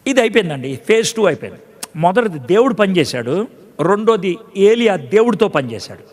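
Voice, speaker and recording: A man's voice: sits high, sing-song, a little fast, a little mellow, big-room sound. A man pastor preaching a sermon in a conversational way, acting out scripture dialogues and quizzing his congregation. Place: church.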